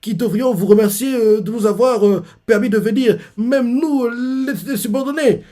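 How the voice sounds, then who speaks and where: A man's voice: extremely high pitch, moderate pace, warm tone, voice pushed up. A man voicing a nervous young soldier who stammers deferentially.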